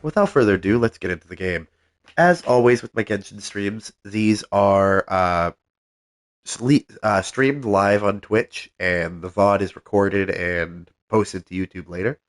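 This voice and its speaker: A man streams a video game live, reading the game's menus aloud in a lowish, soft-spoken voice at a measured pace. He sounds stuffed up with a cold and says lots of ums as he talks casually. There's no echo on the recording.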